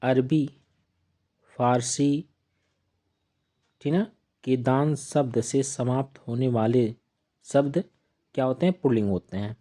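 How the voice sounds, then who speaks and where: A man teaching an online grammar lesson, listing examples one by one and asking questions that he answers himself in a lower voice. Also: takes it slowly, pauses often, warm tone. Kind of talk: live online grammar class.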